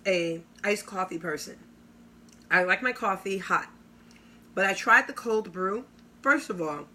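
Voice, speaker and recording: Bright, enthusiastic woman demoing kitchen gadgets. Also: mid-range voice, a little hiss or hum. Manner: enthusiastic salesy, drawn-out exclamations. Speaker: product demonstrator. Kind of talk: live kitchen product demo.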